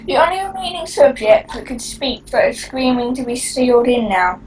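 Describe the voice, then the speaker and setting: Brief: female co-host, fairly high voice, stumbling casual read, picked up from a distance, faint noise. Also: animated, moderate pace, a little mellow. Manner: stumbling, restarting words. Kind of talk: casual creepypasta reading.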